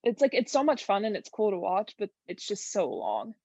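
A woman's voice: mid-range voice, wildly swooping pitch, normal speed, darkish tone, husky, no echo. A young woman with a New York accent in casual chat, blunt and chatty with lots of fillers. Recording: dull lo-fi sound.

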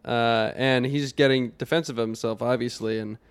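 Smooth-voiced easygoing podcast man. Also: mid-range voice, fairly even intonation, normal speed, no echo. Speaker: podcast co-host. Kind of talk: casual movie podcast chat.

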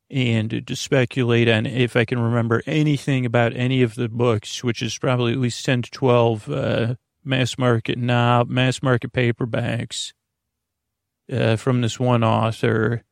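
Level in tone and medium in pitch, a gravelly-voiced podcast host wanders through a bedtime monologue, halting, breaking into his own thoughts, and leaving sentences unfinished. The studio-quality recording has no echo.

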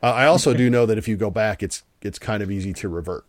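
This podcast host, who has an American accent, talks fast in a fairly low voice while running a casual interview chat. He rambles, restarts often, and keeps things chatty, and the recording is dry.

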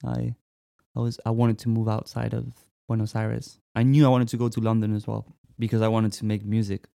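A man in his twenties from France, a musician talking casually in an interview, relaxed and hesitant with many fillers. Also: fairly low pitch, brisk, creaky, no echo, clean studio sound. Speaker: musician guest.

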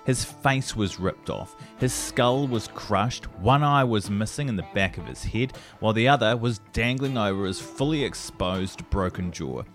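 A man's voice: lowish voice, animated, normal speed, hardly any pauses, soft background music. A man narrating a true crime story as a podcast host, in a dramatic scripted storytelling manner.

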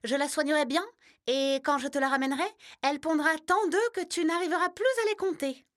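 A woman's voice: sits high, fairly even intonation, fairly quick, fairly bright tone, pitched above the performer's own voice. A woman doing a sly wheedling marten. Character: sly female marten disguised as rag seller. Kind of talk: storybook reading for children.

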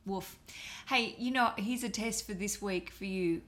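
A woman's voice: medium pitch, unhurried, a bit bright. A woman in her thirties co-hosting a podcast in casual chat; she laughs easily and swears casually. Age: 30s. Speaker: podcast co-host.

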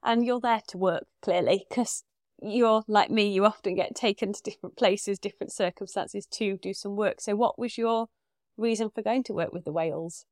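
A woman's voice: medium pitch, normal speed, no room sound, studio quality. A woman hosting a podcast interview, encouraging and asking follow-up questions. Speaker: podcast host.

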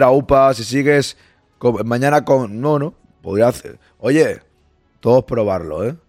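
A hoarse man runs a casual live stream, greeting listeners by name and reassuring them. His voice sits at an ordinary pitch and sounds dry and close, with no room around it. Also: no room sound. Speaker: podcast host reading live chat.

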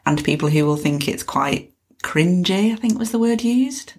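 A woman's voice: lowish voice, animated, normal speed, a little mellow, breathy edge. A woman co-hosting a podcast, chatting casually about music news and hedging with "obviously" and "I think". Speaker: podcast co-host.

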